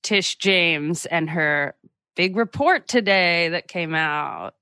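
A brisk woman host brings in new topics and makes pointed remarks. Her voice has a bright, sharp tone with a fairly low pitch. The sound is dry and close, with no room around it. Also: animated, clear, resonant tone, dry recording. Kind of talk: casual political discussion.

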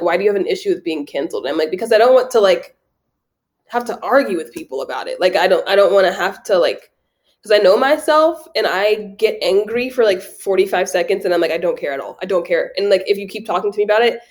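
A woman co-hosting a podcast in casual chat, blunt, getting animated when she acts out her own thoughts. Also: medium pitch.

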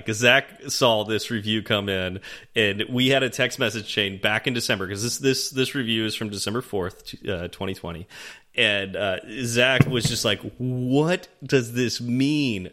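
A man's voice: on the low side, sharp tone. A man hosting a casual podcast, chatting and laughing as he reads listener reviews aloud. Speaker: podcast host.

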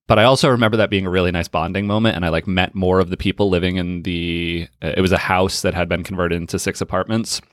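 A man co-hosting a podcast, chatting casually and telling quick, jokey stories. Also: sits low, fairly even intonation, no echo, studio quality. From northeastern United States. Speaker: podcast co-host. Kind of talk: casual chat.

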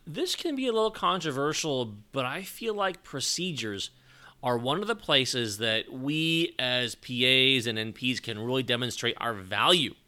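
A man co-hosting a medical podcast, explaining drug choices in a measured, teaching way. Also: medium pitch, bright, forceful tone. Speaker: podcast co-host, clinician. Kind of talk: educational medical podcast talk.

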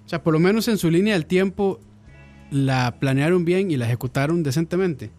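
A man's voice: a little high, a little fast, a little mellow, soft background music. A man, co-hosting a podcast and rambling through easygoing opinions. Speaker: podcast co-host. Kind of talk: casual chat.

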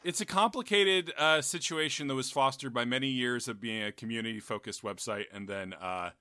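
A man's voice: medium pitch, brisk, sharp tone, clean tone, dry recording, clean studio sound. A man co-hosting a podcast in casual chat, wry and rambling, with many fillers. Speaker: podcast co-host.

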